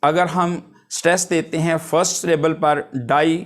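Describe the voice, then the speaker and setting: A man teaching a linguistics lesson, dictating English definitions slowly and then explaining them in a relaxed, conversational way. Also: fairly high pitch. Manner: reads word examples one by one. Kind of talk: lecture.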